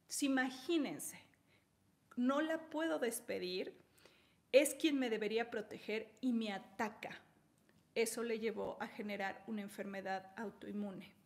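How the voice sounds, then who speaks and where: A woman with a somewhat high voice giving a relaxed teaching talk. She explains through examples and keeps her listeners with her using frequent little check-in questions. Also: measured pace. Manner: storytelling, checks in with tag questions. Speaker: holistic health speaker.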